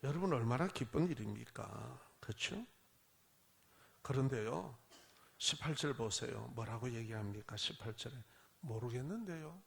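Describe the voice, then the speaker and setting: A man's voice: medium pitch, expressive, normal speed, gravelly, fairly bright tone. A man pastor preaching a sermon in a church, emphatic and repetitive, with many rhetorical questions. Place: church sanctuary.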